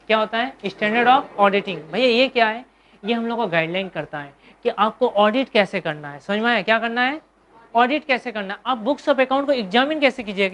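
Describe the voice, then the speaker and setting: Female commerce teacher, Indian accent, slightly high voice, asks and answers her own questions. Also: fairly bright tone. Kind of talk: classroom lecture.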